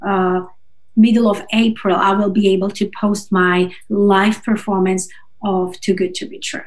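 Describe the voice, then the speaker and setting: The recording is low quality, and the woman speaks at medium pitch with a flat delivery. A singer-songwriter whose first languages are Russian and Georgian, she is a guest in a casual interview, speaking haltingly, searching for words, and checking with "right?".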